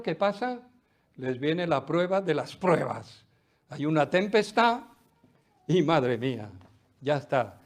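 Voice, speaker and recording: Lively preacher, man. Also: a little high. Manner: lively preaching with sudden drops to near-whisper. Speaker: pastor. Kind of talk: sermon.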